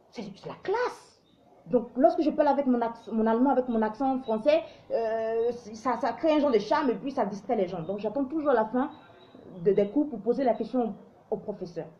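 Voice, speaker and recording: A woman's voice: on the high side, quick pace, muffled recording. A woman from Africa hosting a live show, giving opinionated commentary in an emphatic, preachy way that often stumbles and restarts.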